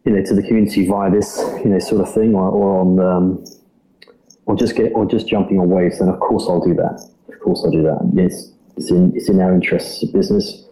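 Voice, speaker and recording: A man with a mixed British-Australian accent explaining things conversationally as a startup representative, measured, hesitant and diplomatic. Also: low voice, fairly even intonation, dark tone, rough recording.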